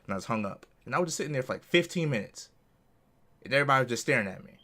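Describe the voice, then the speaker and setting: Animated man telling a story. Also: mid-range voice, rapid-fire. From Connecticut. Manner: animated, acts out callers with voices, swears freely. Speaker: podcast co-host. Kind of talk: casual storytelling chat.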